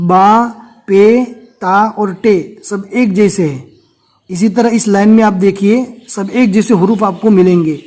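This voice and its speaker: Patient high-voiced male teacher. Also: a little mellow. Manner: repeats each letter several times, patient. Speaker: Urdu reading teacher. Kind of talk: slow letter-by-letter teaching.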